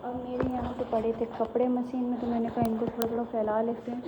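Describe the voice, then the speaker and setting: A woman in her thirties talking casually to the camera in a home vlog, chatting and gently coaxing her children. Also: on the high side, monotone, fast, muffled recording, noisy background. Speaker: vlogger and mother. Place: home, indoors.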